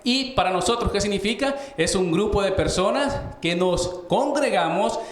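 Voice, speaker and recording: A man's voice: high voice, expressive, normal speed. A man giving a Bible teaching in a sermon style, explaining word meanings and asking his listeners rhetorical questions. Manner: explanatory, asks rhetorical questions, frequent restarts. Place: church. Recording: roomy echo.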